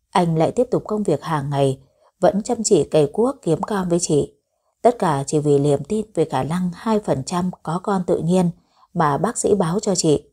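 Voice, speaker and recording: A woman's voice: fairly low pitch, dark tone, husky. A woman narrating a rural family audio story, reading every character's lines herself.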